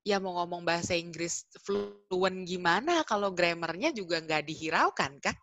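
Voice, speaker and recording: A woman tutor answers questions on a video call in a chatty, animated way. Her voice sits low. The sound is dry, with little room echo. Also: moderate pace. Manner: chatty, animated, self-correcting. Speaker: English tutor. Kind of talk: webinar Q&A answers.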